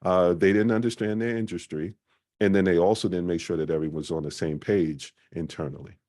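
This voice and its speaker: A man presenting a small-business marketing workshop in a conversational way, often pausing on "uh". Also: deep voice, a little mellow. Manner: conversational, frequent "uh" fillers.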